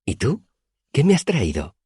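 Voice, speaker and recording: A man's voice: mid-range voice, huge pitch swings, measured pace, mellow, breathy edge, dry recording, clean studio sound, pitched above the performer's own voice, exaggerated voice. A man doing Auri, a tiny whimsical girl. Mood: playful. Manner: lilting, playful. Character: tiny, whimsical young woman, shy and fey.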